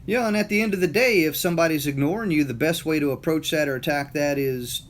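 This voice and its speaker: Speaking fast in a fairly high voice, a middle-aged Southern American man delivers a casual, motivational monologue that rambles with many fillers and repeated words. A little hiss or hum is audible.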